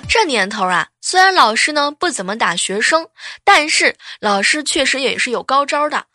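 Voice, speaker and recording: A woman telling a string of comic everyday anecdotes, lively and acting out the quoted lines. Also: normal speed, soft background music. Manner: lively, acts out quoted lines with big pitch jumps. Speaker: joke storyteller.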